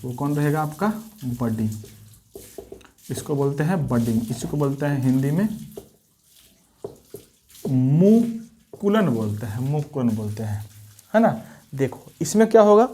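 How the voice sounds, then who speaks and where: A man teaches biology at a board in an expressive, medium-pitched voice with a dark tone and moderate pace. In this blackboard lesson he poses rhetorical questions, answers them himself, repeats key terms and mixes Hindi and English.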